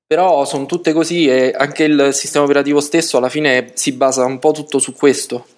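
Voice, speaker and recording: A man's voice: a little high, fairly even intonation, brisk. A man talking casually on a tech podcast, hesitant, with frequent restarts and fillers. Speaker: podcast guest.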